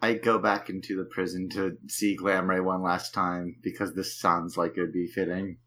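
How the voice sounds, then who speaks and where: A man's voice: deep voice, little pitch movement, moderate pace, a bit bright. A man playing a tabletop game, talking bluntly and jokingly. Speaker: player. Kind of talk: casual tabletop play.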